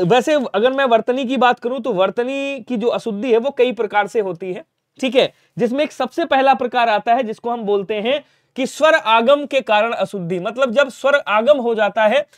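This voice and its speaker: A man's voice: very high voice, no room sound. A man teaching a Hindi spelling lesson for exam preparation, asking questions and answering them himself, with constant reminders to remember the words. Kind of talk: online exam-prep lesson.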